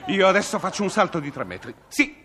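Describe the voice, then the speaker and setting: A man's voice: high-pitched, big pitch swings, fast, bright, forceful tone. A man playing a fussy, pompous passenger in a radio comedy sketch, easily flustered. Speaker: exasperated gentleman passenger.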